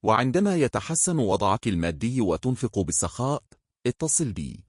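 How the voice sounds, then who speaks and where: A woman's voice: a bass voice, very animated, normal speed, a little mellow, breathy edge, no echo, clean studio sound, exaggerated voice. A man voicing a scornful young wife in a storybook horror tale, speaking in a cold, dismissive way. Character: scornful young wife leaving her husband.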